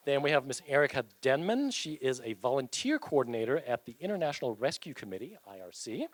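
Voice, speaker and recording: A man moderates a live panel discussion at an event, upbeat and loose, and he jokes with the audience between questions. His medium-pitched voice is sing-song, and he talks fast.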